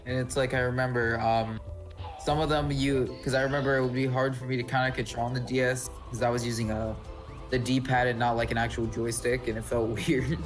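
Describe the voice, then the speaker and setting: A man's voice: medium pitch, flat delivery, soft background music. A young man chatting casually over a game, blunt and swearing now and then. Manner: blunt, swears, quick to shut others down. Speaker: guest co-commentator. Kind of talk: casual gameplay chat.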